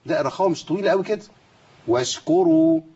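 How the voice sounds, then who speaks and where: A man with an Egyptian Arabic accent leads a tajweed lesson, his slightly high voice carrying a husky edge. He quizzes his students by name, recites examples and points out common errors. The sound is dull and lo-fi, like a broadcast. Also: expressive, racing, a little mellow. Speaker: Quran recitation teacher.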